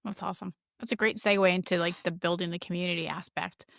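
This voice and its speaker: A woman's voice: on the low side, fairly even intonation, quick pace, creaky, fairly bright tone, no room sound. Upbeat woman podcast host. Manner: upbeat, encouraging interviewer. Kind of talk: casual interview chat.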